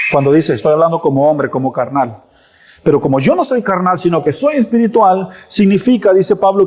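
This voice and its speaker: Emphatic pastor preaching. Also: male voice, sits high, darkish tone. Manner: emphatic, repeats phrases for stress, rhetorical questions. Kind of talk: sermon. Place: church.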